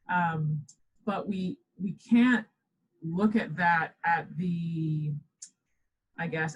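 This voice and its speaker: A woman from the Bahamas, a professor, speaking thoughtfully as a podcast guest, measured and full of ums. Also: on the low side, a little mellow, poor audio. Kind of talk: podcast interview.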